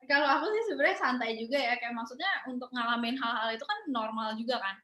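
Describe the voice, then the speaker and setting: A young woman, chatting as an interview guest in a relaxed way, mixing in English phrases and laughing often. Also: a little high, a little fast, echoey room, slight background noise. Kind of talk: casual interview chat.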